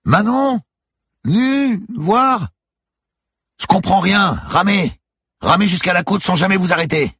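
Fisherman character, urgent, loud and raised, a man voicing him, audiobook, curt orders over a storm. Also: high voice, expressive, slow, pauses often, breathy edge, dry recording, clean studio sound, pitched above the performer's own voice, full character voice. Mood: confused. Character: urgent male fisherman steering through a storm.

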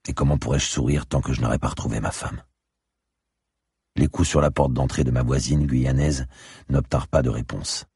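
A man reading a crime novel aloud in a measured, literary way. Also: rumbling low, steady tone, darkish tone, breathy edge, no echo, clean studio sound. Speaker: audiobook narrator. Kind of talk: scripted narration of a crime novel.

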